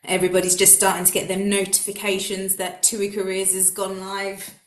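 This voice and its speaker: A woman's voice: mid-range voice, monotone, fairly quick, reverberant. A woman co-hosting a live online recruitment Q&A, upbeat and encouraging toward viewers. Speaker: recruitment co-host, former hotel rep. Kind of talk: live Q&A chat.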